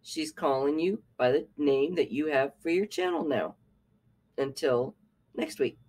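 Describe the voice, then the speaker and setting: A man's voice: a little high, lively intonation, unhurried, a little mellow. A man hosting a reaction commentary, talking in a sarcastic, scolding way. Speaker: commentary channel host.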